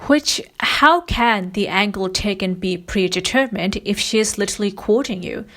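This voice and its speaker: A woman's voice: mid-range voice, normal speed, a bit bright. A woman narrating a scripted video essay, critical and analytical in her delivery. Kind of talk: scripted commentary.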